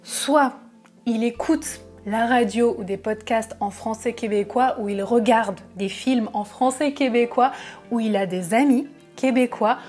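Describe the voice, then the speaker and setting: Slow-spoken French woman teaching. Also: fairly high pitch, darkish tone, faint music behind. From France. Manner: slow, careful, explanatory. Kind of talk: pronunciation lesson.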